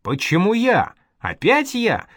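A man reading an audiobook voices a sleepy young caravan guard who complains loudly and shouts. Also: high voice, wildly swooping pitch, normal speed, no room sound, studio quality, voice pushed up, heavily acted. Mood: whiny.

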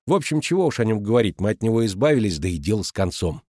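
A man's voice: on the low side, big pitch swings, very fast, darkish tone, no echo, studio quality. A man voicing a bold, teasing teenage girl who talks in a cheeky, colloquial way. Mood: chatty.

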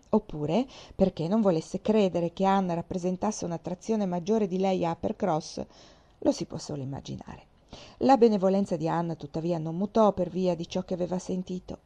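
A woman's voice: fairly low pitch, vocal fry, dark tone. A woman narrating a novel as an audiobook, reading steadily and expressively. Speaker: audiobook reader.

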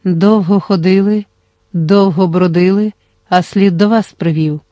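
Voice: medium pitch, fairly even intonation, unhurried, mellow, no room sound, natural voice. A reader voicing a wicked old male sorcerer who chants rhymed demands in a thin, rattling, sweet voice, in an audiobook. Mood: sing-song taunting. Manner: chanting rhymed sing-song lines. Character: old evil male sorcerer, sing-song and wheedling. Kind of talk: audiobook character voice.

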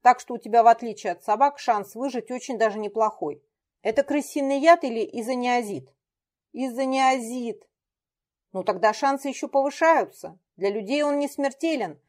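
A man in a blind rage, barking threats and orders at someone cowering before him, as a woman reader puts him on. His voice climbs loud and high with fury and stays hard and commanding throughout. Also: brisk, close to an everyday voice. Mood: menacing. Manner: shouting, harsh, commanding.

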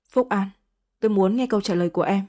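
A woman's voice: medium pitch, fast talker, dark tone, natural voice. Woman doing an anxious young husband.

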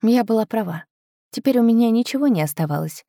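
A woman narrating a first-person audiobook story expressively, with her pitch swinging up on lively moments. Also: fast talker, no room sound, studio quality.

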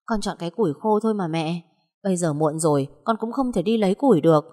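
A woman voicing a meek, polite eighteen-year-old girl who answers softly and submissively, with a long echoing reverb. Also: lowish voice, fast, lightly acted.

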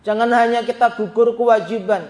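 A man preaching an animated sermon in a mosque, acting out prayers and joking with the congregation. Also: extremely high pitch, fairly quick. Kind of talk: lively sermon with humor. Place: mosque hall. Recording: echoey hall with long reverb.

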